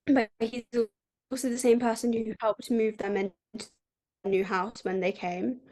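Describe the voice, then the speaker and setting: A woman's voice: on the high side, fairly even intonation, moderate pace, a little mellow. A woman co-hosting a podcast, casually recapping a book and filling her talk with "like.". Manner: chatty, heavy use of "like" fillers. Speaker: podcast co-host.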